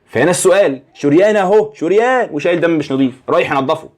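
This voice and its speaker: Fast-talking Egyptian anatomy tutor. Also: male voice, a little high, expressive. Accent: Egyptian Arabic. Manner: rapid, conversational, constantly checking understanding with rhetorical questions. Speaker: anatomy lecturer. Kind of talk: casual Egyptian Arabic lecture.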